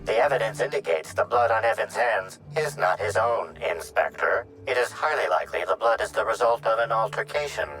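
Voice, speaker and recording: A forensic analysis machine from a video game, impassive and formal. The male voice is fairly low and states things with detached precision. Faint music plays behind it. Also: lively intonation, a little fast, hardly any pauses, a bit bright, low-quality recording. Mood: clinical, detached. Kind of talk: scripted video game narration.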